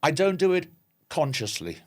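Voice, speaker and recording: A man's voice: on the high side, big pitch swings, normal speed. A man with an English accent, a podcast guest, talking in a jokey way with hesitations and repeated words. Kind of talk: conversational interview.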